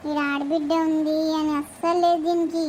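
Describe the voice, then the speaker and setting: A woman voicing a bossy, arrogant sister-in-law in a cartoon, with a taunting, sharp-tongued manner. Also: sits high, flat delivery, normal speed, slight background noise, natural voice. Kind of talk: cartoon voice acting.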